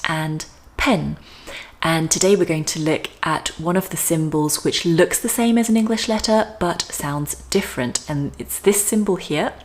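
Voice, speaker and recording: A woman teaching English pronunciation in a careful, deliberate way, with frequent ums. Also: low-pitched. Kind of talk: slow, careful pronunciation lesson.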